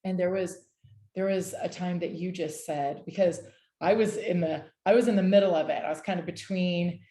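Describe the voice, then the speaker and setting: Earnest woman with a low, mellow voice. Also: steady tone, moderate pace, echoey room. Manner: earnest, rambling, with frequent restarts and affirmations. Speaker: discussion leader. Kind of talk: casual video-call chat. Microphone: video call.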